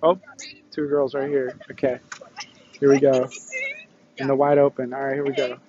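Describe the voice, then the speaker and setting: A young man live-streaming outdoors on a college campus from a selfie stick, excitable and slangy, laughing often and swearing, out of breath and sweaty after push-ups. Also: mid-range voice, normal speed, dull audio, slight background noise. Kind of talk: casual live-stream chat. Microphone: selfie stick tripod.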